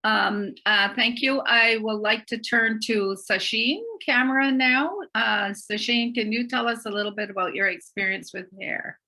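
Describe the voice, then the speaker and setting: A middle-aged woman from Barbados hosting a community talk show, speaking slowly and carefully with many fillers. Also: a little high, fairly even intonation, sharp tone. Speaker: host.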